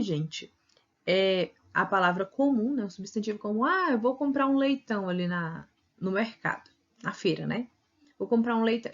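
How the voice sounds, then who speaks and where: A Brazilian woman teacher with a mid-range voice and a Brazilian Portuguese accent gives a recorded video lesson. She explains things patiently and often checks in with tag questions. The audio sounds dull.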